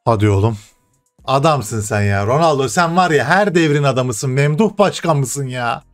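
Young male streamer, excitable play-by-play of his own match, mid pitch, faint music bed. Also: normal speed. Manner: excitable, swears and shouts at the game. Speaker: gaming streamer. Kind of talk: live gameplay commentary.

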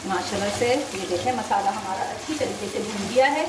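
A woman with a medium-pitched voice, talking a little fast, hosts a cooking channel and patiently explains each stage of the dish at her home stove, offering tips as she goes. The recording is echoey, the mic far off, and the frying and sizzling loud.

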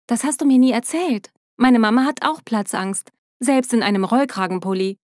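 A woman voicing a teenage girl who speaks softly and gently in a storybook tale. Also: a little high, normal speed, no room sound, studio quality, natural voice. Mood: soothing. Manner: soft, calming. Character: teenage girl Lena, shy then apologetic.

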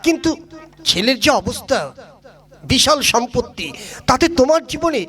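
A man plays a bossy matchmaker in a comic puppet show, scolding and ordering people about. His voice sits unusually high for a man. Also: animated, normal speed, sharp tone, full character voice. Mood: coaxing. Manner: scolding, commanding. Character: bossy middle-aged male matchmaker.

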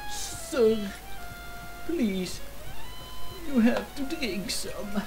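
Over music and through a low-quality recording, a gaming YouTuber chats with her tools as though they were old friends, hamming it up for comedic let's play commentary. She's animated, with a medium-pitched voice and drawn-out words.

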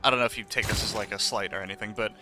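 Bright-voiced rambling young man. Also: on the low side, fairly even intonation, very fast. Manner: rambling, laughs often, swears casually. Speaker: podcast co-host. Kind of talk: casual chat.

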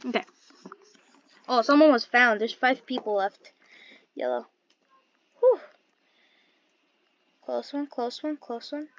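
A woman giving casual gameplay commentary as a streamer, excitable, exclaiming and muttering to herself as she plays. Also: a little high, slow pace, pauses often, highs cut off. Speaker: game streamer.

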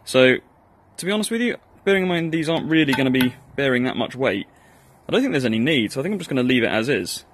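A hobby blacksmith from Northern Ireland casually narrates a workshop build in a self-deprecating way, with plenty of ums and uhs. His mid-range voice is fast with lively intonation, over slight background noise.

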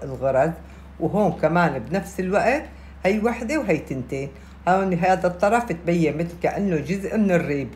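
Lower-voiced woman with a Levantine Arabic accent. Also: darkish tone, slight background noise. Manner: instructive, repeats key steps, checks in with listeners. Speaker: knitting instructor. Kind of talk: casual step-by-step craft tutorial. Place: indoors at a table, hands-only camera view.

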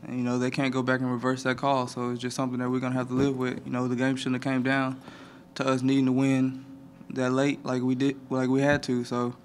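Flat-voiced young man at a presser. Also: medium pitch, a little hiss or hum. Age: young adult. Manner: flat, measured, many "I mean" fillers. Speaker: college football player. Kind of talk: postgame press conference answers. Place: press conference room. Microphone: table microphone.

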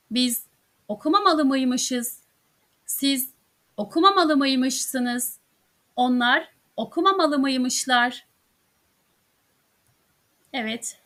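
Slow, high-voiced woman teaching grammar. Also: a bit bright. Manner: articulates each conjugation clearly and deliberately. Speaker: Turkish language teacher. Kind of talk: slow, careful grammar drill reading.

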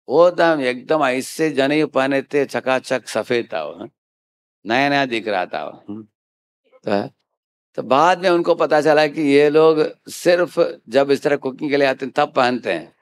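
Male preacher, low gravelly voice, conversational scripture talk that keeps prompting the audience. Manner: conversational, frequent "hain?" prompts to listeners. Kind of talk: Hindi scripture lecture.

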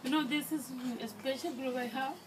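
A middle-aged woman, a native Spanish speaker with a thick accent, speaking informally in halting English as a preschool teacher to parents and children. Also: high voice. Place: outdoor daycare play yard. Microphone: handheld phone camera a few metres away. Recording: noisy, distant phone video.

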